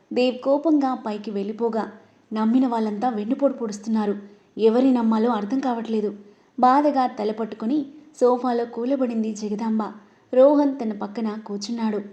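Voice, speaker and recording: A woman storyteller reads a romantic family drama aloud in a smooth, measured way. Her voice sits fairly high, with a dark, mellow tone. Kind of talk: scripted story narration.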